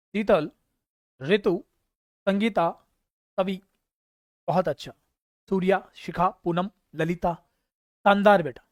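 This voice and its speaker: A man's voice: sits high, fairly bright tone, dry recording, clean studio sound. A man teaching a live exam-prep class online, quizzing students, reading out their names and praising them, with funny stories mixed in. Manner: storytelling with humor.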